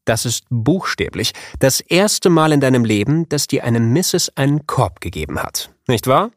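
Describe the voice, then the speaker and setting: A man's voice: medium pitch, very animated, moderate pace, no echo, natural voice. A man voicing a cocky young friend who teases and gloats, in a dry audiobook reading. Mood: gloating. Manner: teasing, gloating.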